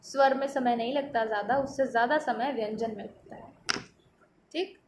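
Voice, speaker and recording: A woman teaching a school grammar lesson, explaining slowly and stretching out sounds to demonstrate them, often checking in with her students. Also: a little high, background noise.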